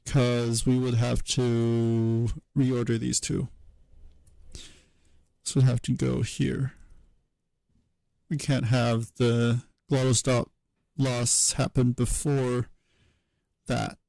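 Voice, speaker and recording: A man streaming as he works through a linguistics problem, thinking aloud in a hesitant, wry way with many pauses. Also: medium pitch, level tone, gravelly, mellow, dry recording. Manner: hesitant self-talk with many pauses and fillers.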